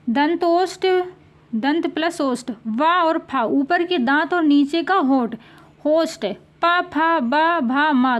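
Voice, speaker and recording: High-voiced lady teacher, drags out each sound for pupils. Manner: slow, drawn-out repetition of sounds and words for pupils. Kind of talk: exam-prep grammar lesson.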